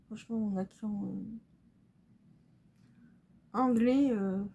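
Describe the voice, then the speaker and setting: A young woman talking casually while doing her makeup at home, soft-spoken and halting, full of pauses and fillers. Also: mid-range voice, vocal fry, breathy edge. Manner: hesitant, halting, many fillers; soft and subdued. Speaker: beauty vlogger. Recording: slightly dull recording, faint room ambience.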